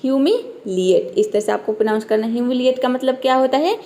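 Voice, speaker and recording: A woman with a slightly high voice leads a spoken vocabulary lesson. She breaks each English word into letters and syllables and says it slowly. She adds a short check-in phrase after nearly every point. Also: fairly even intonation, darkish tone. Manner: spells words letter by letter, slows on English words; keeps repeating "theek hai". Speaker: English teacher.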